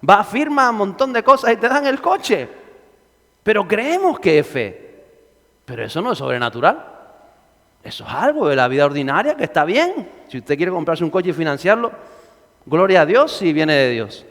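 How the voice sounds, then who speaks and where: A man's voice: high-pitched, sing-song, moderate pace, a bit bright, in a large hall. A man preaching a sermon as pastor, urging the congregation and having them repeat phrases after him. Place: church hall.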